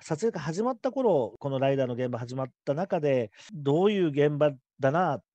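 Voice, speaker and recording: A man's voice: fairly high pitch, animated, brisk, dark tone, dry recording, dull audio. A man interviewing a guest, asking polite questions and giving short replies. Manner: brief polite back-channel replies.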